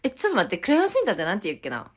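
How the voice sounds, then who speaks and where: A woman's voice: medium pitch, wildly swooping pitch, very fast, husky. A young woman with a Tokushima dialect, chatting casually on a live stream and reading viewer comments aloud with frequent giggles. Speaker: idol livestreamer.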